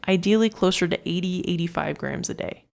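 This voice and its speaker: Chatty woman fitness coach, low gravelly voice. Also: fairly quick, a little mellow. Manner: chatty, rambling, many fillers and restarts. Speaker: fitness coach podcast host. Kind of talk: casual solo podcast talk.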